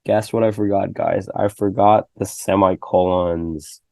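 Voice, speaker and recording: A man's voice: low voice, steady tone, unhurried, creaky, darkish tone, no echo. A man in his twenties giving a casual, loose coding lesson, checking in often with "okay?" and "right?". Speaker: programming tutor.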